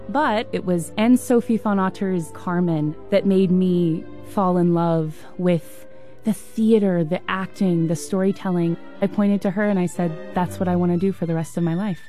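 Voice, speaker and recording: A woman's voice: mid-range voice, moderate pace, warm tone, soft background music. A woman from Kentucky, an opera singer, telling how she fell in love with theater.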